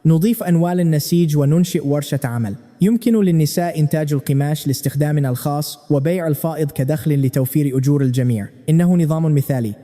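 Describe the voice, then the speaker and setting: A man's voice: fairly high pitch, fast, hardly any pauses, dark tone, natural voice. A man voicing a clever, earnest young sworn brother who lays out a plan eagerly. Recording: long hall reverb.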